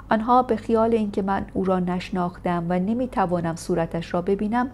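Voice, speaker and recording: A woman narrating a first-person memoir in a steady, measured audiobook reading. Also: fairly low pitch, slight background noise. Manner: steady, measured storytelling delivery.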